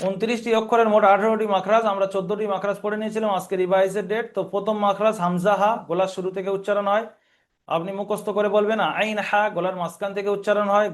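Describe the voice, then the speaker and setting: A man teaches a recorded online lesson. He goes step by step, posing questions and answering them himself in a patient, drilling way. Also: high-pitched. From Bengal region of India. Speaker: Quran reading teacher.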